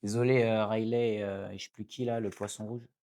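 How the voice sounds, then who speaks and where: An excitable man giving casual pack-opening commentary to his viewers. He is chatty and talks to the audience as "guys", often jumping into high, excited exclamations and jokey asides. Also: a little fast. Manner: excitable, chatty, keeps addressing viewers as "les gars". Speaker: card-opening YouTuber.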